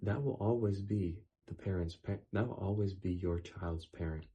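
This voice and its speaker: A man talking in a casual faith-based vlog, earnest and emphatic, repeating words for stress, his voice going hoarse. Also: sits low, normal speed, mellow, highs cut off. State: losing his voice. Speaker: YouTuber.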